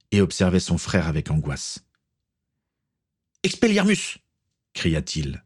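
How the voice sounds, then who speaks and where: A male narrator reading a story aloud at a steady, measured pace. His voice is deep and husky. The delivery is even and unhurried. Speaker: audiobook reader.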